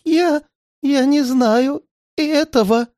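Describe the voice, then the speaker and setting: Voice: medium pitch, big pitch swings, moderate pace, no room sound, studio quality, voice pushed up, natural voice. A reader doing a sly, menacing crook. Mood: panicked. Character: sly male criminal clerk, cowardly then brazen.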